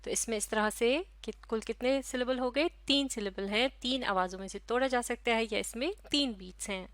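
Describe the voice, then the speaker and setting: A woman teacher with a Pakistani Urdu accent giving a recorded lesson to young pupils, drawing out each word slowly so they can repeat it. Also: fairly high pitch, dry recording. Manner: slow, drawn-out pronunciation of words for repetition.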